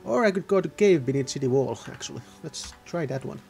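Gravelly rambling gamer commentary, man. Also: mid-range voice, animated, a little fast, darkish tone, faint music behind. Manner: rambling, self-correcting, offhand. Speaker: gaming video host. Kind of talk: casual rambling gameplay commentary.

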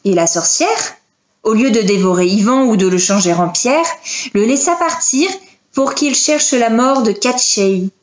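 A woman's voice: a little high, echoey room. A woman reading a children's tale aloud, voicing the characters as she goes. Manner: slow, expressive storytelling with voiced characters. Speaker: librarian reading a story.

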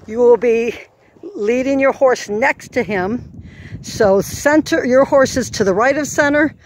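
A woman walks a farm trail course outdoors and recites each move in an unhurried, deliberate way. She counts out steps and trots aloud, recorded on a handheld camera as she walks, with faint outdoor sounds behind her. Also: on the high side, slight background noise. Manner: calls out steps and trot rhythm. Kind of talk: walking course instruction. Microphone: handheld camera while walking. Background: faint outdoor farm ambience.

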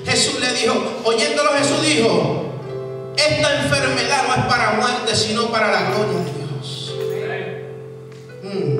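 High-pitched shouting preacher in echoey church. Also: male voice. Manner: preaching with shouted peaks and quiet asides, repeating phrases. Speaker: pastor. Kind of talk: fiery Spanish sermon. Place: church sanctuary with stage. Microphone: handheld mic. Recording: echoey church hall from far off.

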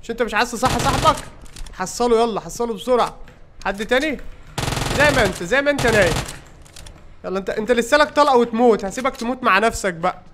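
A man with an Egyptian accent giving excited, teasing commentary while playing a game with friends. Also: very high voice, fast, pauses often, a little hiss or hum. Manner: teasing, excitable, taunts opponents. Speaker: gaming streamer. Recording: gameplay audio with gunfire behind.

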